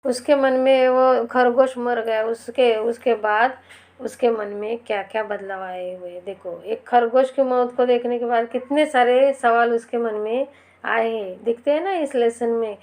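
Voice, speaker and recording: Slow, patient woman teacher explaining a lesson. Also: a little high, fairly even intonation, a little mellow. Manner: reads each line, then repeats and explains it; addresses pupils directly, patient. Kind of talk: explaining a textbook chapter to students.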